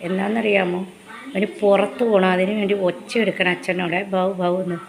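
A woman, narrating a casual home vlog about her pet dog in a hushed voice and switching to sing-song baby talk when she speaks to him. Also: mid-range voice, level tone, brisk. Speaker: pet vlogger. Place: at home, indoors.

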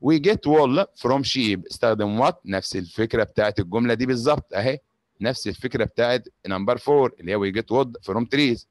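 A male teacher with an Egyptian Arabic accent gives a grade-school English lesson, moving quickly between Arabic explanations and slow, deliberate English sentences. His voice sits at an ordinary middle pitch, and the recording is dry, with no room sound. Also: dry recording. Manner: slows down sharply to dictate English sentences.

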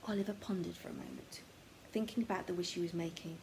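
Woman storyteller, children's story reading, gentle, slips into whispers. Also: lowish voice, fairly even intonation, quick pace, noisy background. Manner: gentle, often dropping to a whisper.

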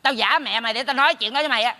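A man's voice: extremely high pitch, sharp tone, full character voice. A man playing a meddling neighbor in a stage comedy sketch, brash and teasing. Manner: brash, teasing, rapid scolding. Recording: stage hall with long reverb.

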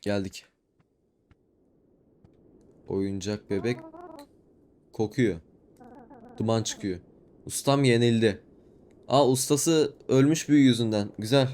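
A young man quietly talks his way through a horror game, keeping his voice low and muttering. He reads each line of dialogue aloud in a flat, even tone as he plays. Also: slow pace, pauses often. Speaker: gaming YouTuber. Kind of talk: let's play commentary, reading dialogue aloud.

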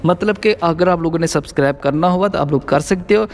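Hosting his own channel, a man with a slightly high voice walks viewers through a gaming tutorial at a brisk pace. He talks straight to the audience, often calling them "guys," and explains each step along the way.

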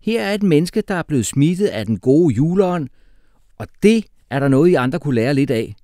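A man voicing an exasperated male schoolteacher who shouts and gets flustered. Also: medium pitch, expressive, no echo, studio quality, voice pushed up, natural voice.

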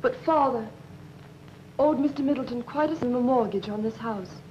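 A woman's voice: fairly high pitch, moderate pace, slight background noise, lightly acted. A woman playing an earnest young daughter in an old stage melodrama, speaking with old-fashioned stage diction. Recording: dull lo-fi old recording.

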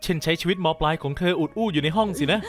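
An actor voicing a smug, teasing nerdy teenage boy in an animated story dub. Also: on the high side, soft background music, lightly acted. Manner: smug, teasing, quick-talking. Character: nerdy teen boy blackmailing a cheerleader, smug.

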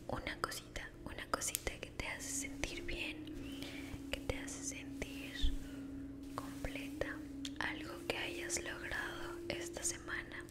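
Whispering softly, a woman plays out an ASMR role-play, coaxing the listener along at a slow pace. Her speech is comforting and encouraging, sprinkled with affectionate diminutives.

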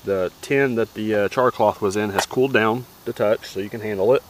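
A man casually narrating his camp cooking outdoors in the woods, relaxed and plain-spoken, giving practical tips. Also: fairly low pitch, brisk, noisy background. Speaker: outdoors vlogger.

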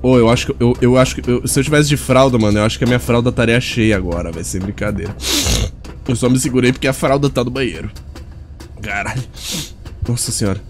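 A man's voice: medium pitch, fast talker, faint music behind. A young man commentating a horror game, swearing constantly and sounding exasperated and shaken. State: sweaty and shaken. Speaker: gamer.

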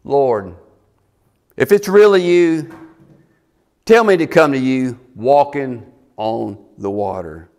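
A pastor voicing Peter as a pleading disciple in a sermon retelling. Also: male voice, medium pitch, lively intonation, slow pace, pauses often, darkish tone, voice pushed down. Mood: hesitant.

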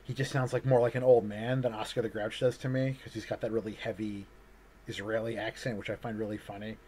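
Male artist, lowish voice, casual rambling talk with many fillers, faint background hiss. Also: level tone, brisk, a little mellow. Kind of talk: casual conversation. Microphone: video call.

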